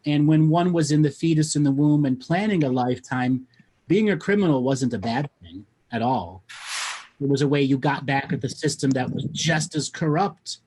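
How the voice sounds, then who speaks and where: A man hosts a call-in show and coaches his callers in a blunt, plain-spoken way. His voice sits a little high for a man. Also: moderate pace, a little mellow, husky. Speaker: host giving spiritual readings.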